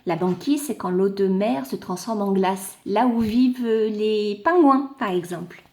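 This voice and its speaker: A young woman reading a children's story aloud, gently explaining words for small children. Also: medium pitch, measured pace.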